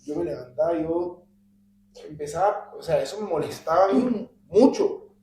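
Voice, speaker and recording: A man shares a personal story with his Bible study group, his voice fairly high and mellow. He drops almost to a whisper when he repeats his prayers. The recording sounds roomy, with a faint hum underneath. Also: moderate pace. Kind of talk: telling a personal story in conversation. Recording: echoey room with faint hum.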